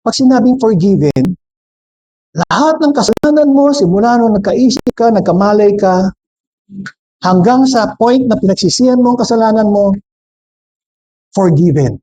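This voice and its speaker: A man's voice: high voice, animated, moderate pace, long pauses, warm tone, breathy edge, rough recording. A man with a Filipino accent preaching a sermon, switching between Tagalog and English, questioning and joking with the congregation. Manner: jokes with the congregation.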